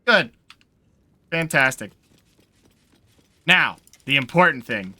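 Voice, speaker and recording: A man's voice: medium pitch, animated, slow, pushed and bright, no room sound. A man doing casual gameplay commentary, reading dialogue choices aloud as he plays. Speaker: video game streamer playing through a game.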